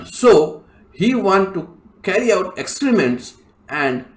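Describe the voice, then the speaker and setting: A male professor giving a recorded lecture, explaining step by step with many fillers and frequent throat clearing. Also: high-pitched, sing-song, slow, roomy sound.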